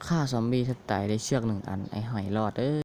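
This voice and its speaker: A man's voice: fairly low pitch, fast, dark tone, a little hiss or hum. Chatty man narrating his survival game. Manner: chatty, addresses viewers, jokey exclamations. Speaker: gaming YouTuber. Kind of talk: casual game commentary. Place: home. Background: roosters crowing nearby.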